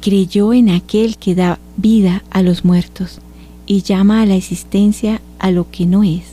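Woman liturgical reader, mid-pitched mellow voice, calm announcing style. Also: unhurried. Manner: calm, announcing readings and responses. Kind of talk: liturgical scripture reading.

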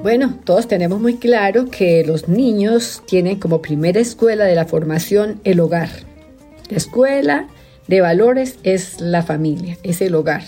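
A woman host, speaking in an earnest, measured way as she introduces a topic. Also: mid-range voice, dark tone, faint music behind. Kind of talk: casual presenter talk.

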